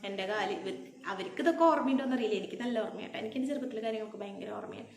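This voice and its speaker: A woman's voice: fairly high pitch, rapid-fire. A young woman vlogger, telling a personal story casually and acting out the dialogue. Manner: animated, acts out dialogue. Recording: echoey room with faint noise.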